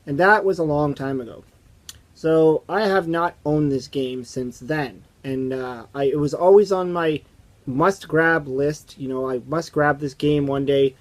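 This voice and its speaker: A man around his thirties or forties with a strained, hoarse and raspy voice, chatting in a rambling, conversational way as host of a retro gaming channel. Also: a little high, a little slow. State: hoarse from strained vocal cords. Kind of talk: casual chat to camera. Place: indoors, small basement game room.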